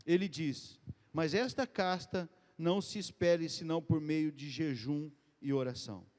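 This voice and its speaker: Guy preaching in a church, talks kinda high and chatty, lots of reverb from the hall. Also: unhurried. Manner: conversational, addresses the congregation as "queridos" and "gente"; lively, often rises in pitch and speeds up. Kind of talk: sermon.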